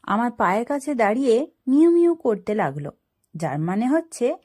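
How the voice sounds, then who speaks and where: A woman with a slightly high voice narrates a first-person story at a normal speed, telling it expressively and dramatically.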